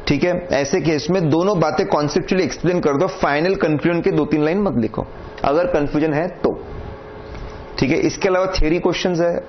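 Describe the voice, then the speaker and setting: Indian male lecturer, instructive and direct, slightly high voice, muffled recording. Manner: direct, repeats "correct?" and "theek hai", instructive. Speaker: exam coaching lecturer. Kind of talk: lecture mixing Hindi and English. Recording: dull lo-fi sound with faint noise.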